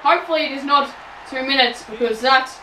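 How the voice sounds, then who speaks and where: High-voiced woman shouting game commentary. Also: a little fast, a little hiss or hum. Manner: cheers, groans and shouts at every play. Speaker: gamer commentating their own match. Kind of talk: excited live game commentary. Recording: roomy, slightly distant home mic with game audio.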